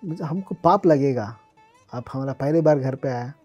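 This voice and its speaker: Male interview guest, mellow tone, chatty anecdotal delivery, light English mixing. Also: medium pitch, normal speed, dull audio, faint music behind. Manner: chatty, mixes English words, laughs while recalling. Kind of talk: casual personal storytelling.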